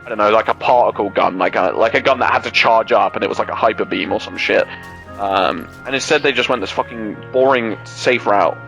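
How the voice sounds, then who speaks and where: A man's voice: fairly low pitch, a little fast, creaky, soft background music. Young man ranting casually, swearing. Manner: rambling, animated rants with lots of swearing and "like". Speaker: gaming channel host. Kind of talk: casual chat over gameplay.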